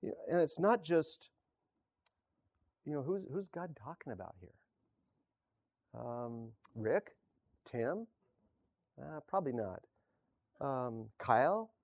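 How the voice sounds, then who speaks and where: A man preaching a casual sermon, halting and correcting himself, often chuckling. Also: medium pitch, very animated, no room sound, clean studio sound. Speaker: pastor.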